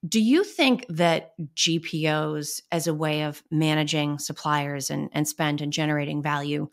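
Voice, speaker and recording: A woman with a Boston accent hosting a podcast, chatting in quick, lively bursts with her guests. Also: low-pitched, gravelly. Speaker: podcast host. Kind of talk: casual interview chat.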